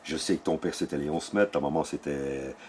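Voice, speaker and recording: Un homme âgé à l'accent belge qui raconte ses souvenirs avec entrain, en imitant les dialogues. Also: male voice, rumbling low, brisk, a little hiss or hum. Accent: Belgian French. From Belgium. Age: older. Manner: animated storyteller who acts out dialogue. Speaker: interviewee. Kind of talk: casual storytelling interview.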